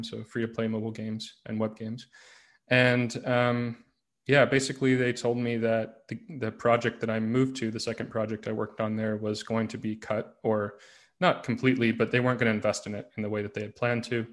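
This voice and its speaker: A man from the United States, a podcast guest, telling his story in a relaxed, rambling way. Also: lowish voice. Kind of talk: casual interview conversation.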